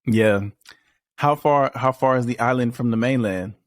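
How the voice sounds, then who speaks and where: A man's voice: mid-range voice, moderate pace, no room sound. A man hosting a podcast, talking in a laid-back, casual way with lots of fillers. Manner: laid-back, many fillers like "you know". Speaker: podcast host. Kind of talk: casual interview chat.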